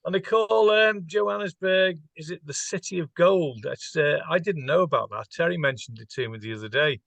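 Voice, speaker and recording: A man's voice: a little high, a little fast, vocal fry, fairly bright tone, no room sound, poor audio. A man co-hosting an interview, chatty and agreeable. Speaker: co-host, interviewer. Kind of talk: casual interview chat.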